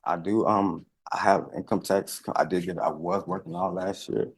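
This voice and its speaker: Man around thirty, very deep gravelly voice, halting and pleading defendant. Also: steady tone, slight background noise. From California. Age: 30s. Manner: halting, many fillers, pleading. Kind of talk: courtroom testimony. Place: courtroom.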